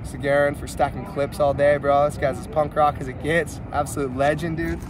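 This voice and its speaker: A young man talks in excitable, sweary surf slang. His voice sits a little high for a man. It is a casual phone vlog shot outdoors on a beach, with plenty of noise around him. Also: fairly quick. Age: young adult. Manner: slangy, profane, hyped surfer talk. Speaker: surfer. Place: open beach at sunset. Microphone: phone at arm's length. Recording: noisy outdoor phone recording, surf and wind.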